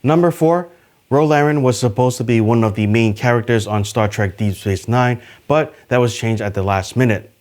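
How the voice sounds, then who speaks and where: A man's voice: moderate pace, darkish tone. A man hosting a casual trivia video, talking to the camera in an upbeat, chatty way with plenty of fillers. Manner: enthusiastic, pitch jumps on list numbers. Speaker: YouTube host.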